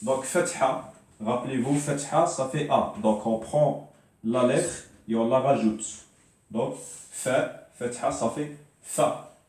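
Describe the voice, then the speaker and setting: A man drills syllables slowly and patiently in a lesson, returning often to small filler words. His voice rings in a very echoey room, picked up from a little way off the mic. The pitch sits in a middle range for a man. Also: a little mellow, recorded from a distance. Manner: slow, repetitive drilling of syllables, frequent "donc" and "euh". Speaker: Arabic teacher. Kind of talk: classroom lesson.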